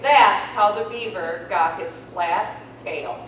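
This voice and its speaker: A woman's voice: medium pitch, slow pace, fairly bright tone, a little hiss or hum. A woman reading a legend aloud to a gathering, voicing the beaver's lines plainly. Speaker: reader of a legend. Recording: echoey hall, mic far off.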